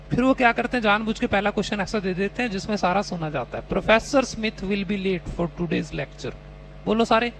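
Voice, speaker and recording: A man's voice: high-pitched, a bit bright, slight background noise, low-quality recording. A man teaching a test-prep class, teasing and mock-scolding his students while quizzing them on whether they follow. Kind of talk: classroom coaching lecture.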